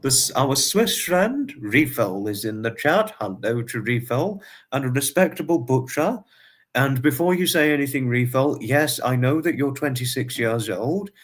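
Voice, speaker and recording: A man's voice: medium pitch, expressive, unhurried. A man in his twenties casually chatting to viewers on a livestream, often repeating himself and using quaintly formal phrases. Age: 20s. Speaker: livestream host.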